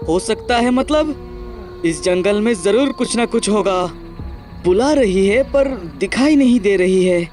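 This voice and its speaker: A man's voice: high voice, lively intonation, measured pace, darkish tone, faint music behind. Man doing a stammering scared cartoon coward. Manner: stammering, panicky, comic. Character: jumpy cowardly young man Paltu.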